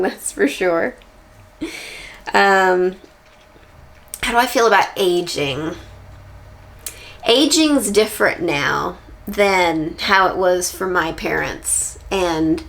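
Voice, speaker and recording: A woman's voice: medium pitch, gravelly, a bit bright. A woman in her forties chatting to camera in a casual, reflective vlog, candid and musing, with frequent small restarts. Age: 40s. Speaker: vlogger.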